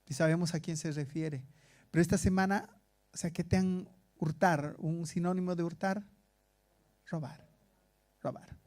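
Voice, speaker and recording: A man's voice: on the high side, fairly even intonation, unhurried, pauses often, darkish tone. A pastor preaching a sermon to his congregation in a conversational way, asking rhetorical questions. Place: church in Stockholm.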